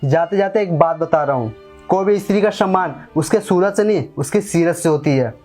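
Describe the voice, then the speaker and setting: A man's voice: on the high side, a little fast, a little mellow, faint music behind, close to an everyday voice. A man acting a poor, wronged husband who leaves with a solemn moral warning, in a dramatic short film. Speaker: actor playing Chandan, a divorced husband.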